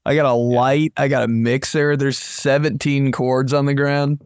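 A young man talking crudely and joking around on a podcast, sounding a bit congested with phlegm. His voice is at an ordinary middle pitch and sounds close and dry in a home studio setup. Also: level tone, normal speed, no room sound. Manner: crude, joking, swears a lot. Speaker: podcast co-host. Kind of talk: casual chat. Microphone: over-ear headphones and studio mic.

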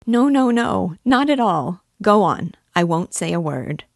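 A woman voicing an eager, excitable young woman in an audiobook reading. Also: lowish voice, moderate pace, dry recording, clean studio sound. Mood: pleading. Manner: eager, pleading.

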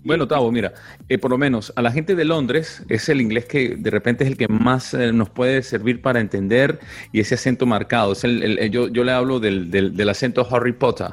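A man's voice: medium pitch, normal speed. A man talking casually on a podcast, hesitant and full of repeated words and fillers. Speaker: podcast co-host. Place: living in England.

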